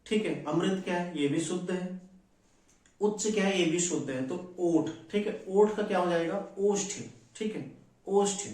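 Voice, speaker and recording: A man's voice: high voice, a little mellow. A man from teaching an exam-prep lesson, explaining each answer step by step and often checking in with his listeners. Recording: very echoey, distant from the mic.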